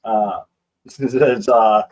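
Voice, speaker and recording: A man's voice: on the low side, steady tone, drawn-out words, darkish tone. A man co-hosting a cannabis live stream in casual chat, joking and rambling with laughs.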